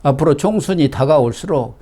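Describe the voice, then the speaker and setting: This is a male guest commentator on a political talk show. His voice is mellow and slightly high. He speaks in a measured way and often agrees with the host. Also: animated.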